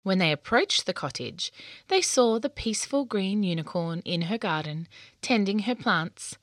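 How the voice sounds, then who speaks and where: Expressive woman reading a children's story. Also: mid-range voice, normal speed, no echo, clean studio sound.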